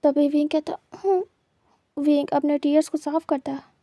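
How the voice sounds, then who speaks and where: High-voiced woman telling a story. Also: monotone, fairly quick, mellow, no room sound, studio quality. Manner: plain narration. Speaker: story narrator. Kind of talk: fan fiction storytelling.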